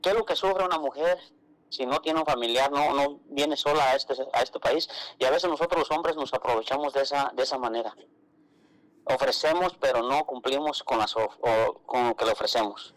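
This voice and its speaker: Over poor audio, a radio co-host tells a story in a casual, chatty way, quoting other people and calling his co-host "güerita." His voice is medium-pitched at a moderate pace.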